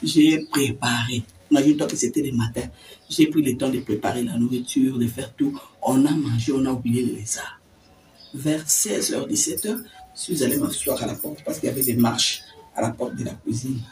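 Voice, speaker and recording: An older woman telling a personal faith story in an animated way, dropping to whispers and laughing as she talks. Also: a bass voice, moderate pace, far from the mic, slight background noise. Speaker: testimony speaker.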